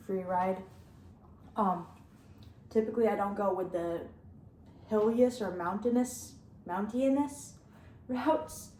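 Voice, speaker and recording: A woman's voice: medium pitch, darkish tone, reverberant, a little hiss or hum, poor audio. A young woman from the Upper Midwest chatting casually in a vlog, rambling and upbeat, chewing gum as she talks. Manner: chewing gum while talking. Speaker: running vlogger.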